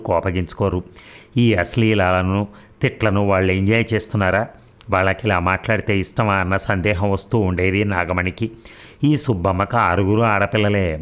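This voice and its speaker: A man reads a story aloud as narrator, in a steady and even way. His voice sits on the low side, and the delivery is measured audiobook narration.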